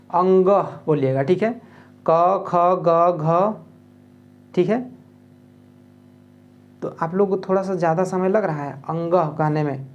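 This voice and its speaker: A man with a Jharkhand accent teaching an exam-prep language lesson, explaining patiently and slowly sounding out letters as examples. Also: fairly high pitch, highs cut off. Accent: Jharkhand Hindi. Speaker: exam tutor.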